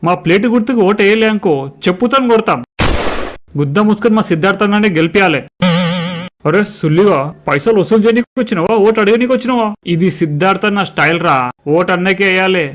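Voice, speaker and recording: A man's voice: sits high, fast talker, a little hiss or hum, close to an everyday voice. A man playing a brash, crude male campaign worker who threatens voters, in a Telangana Telugu accent. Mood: crude boastful.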